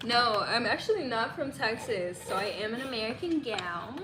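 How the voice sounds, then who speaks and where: A young Midwestern woman from Illinois hosts a casual livestream, reading viewers' comments, laughing often, and playfully guessing aloud in response to their guesses. Her voice is fairly high, expressive, and at normal speed, recorded in an echoey room with clear background noise.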